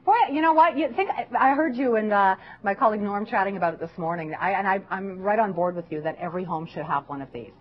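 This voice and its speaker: A woman with a husky voice works as a home shopping host, talking very quickly in chatty sales talk. She is eager and affirming, and the audio is slightly dull. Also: mid-range voice.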